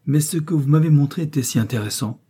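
A man's voice: a little high, fast, dark tone, slightly rough, pitched above the performer's own voice. A man reading a storybook, voicing a pale, morbid male stranger who speaks with fervent insistence. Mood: hurried.

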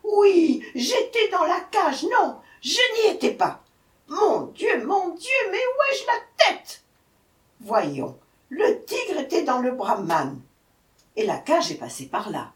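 A woman voicing a sly male jackal who plays dumb in a storybook tale, whining in a high, drawn-out, fretful voice. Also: wildly swooping pitch, full character voice. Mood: whiny feigned confusion. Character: sly male jackal feigning silly confusion. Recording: echoey room, voice from far off.

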